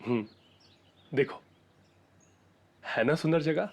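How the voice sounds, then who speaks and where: An actor playing a caring, protective young husband who speaks in a soothing, steady way in a TV horror drama. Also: male voice, fairly high pitch, slow pace, vocal fry, slightly rough, full character voice.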